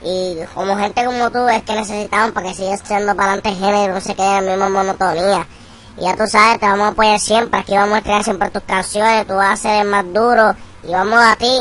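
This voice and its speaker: A woman hosts an interview, her voice sitting at an ordinary middle pitch. She speaks in a hyped, slangy way as she asks her guest questions. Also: steady tone, fairly quick, a bit bright, slight background noise. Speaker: interview host. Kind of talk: casual interview talk.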